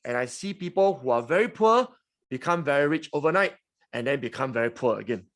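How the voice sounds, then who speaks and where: A man's voice: medium pitch, lively intonation, brisk. A man in his forties with a Singaporean English accent, hosting a finance webinar in a chatty, teasing way. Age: 40s. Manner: chatty, teasing, frequent "okay?" and "huh?". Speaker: webinar host. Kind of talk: lively finance webinar talk.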